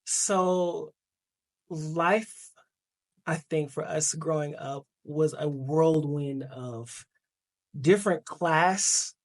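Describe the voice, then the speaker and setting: A man's voice: a little high, drawn-out words. A man from the Dallas area of Texas, a guest on a casual podcast chat over a remote call. He talks in a reflective, thoughtful way and chuckles between phrases.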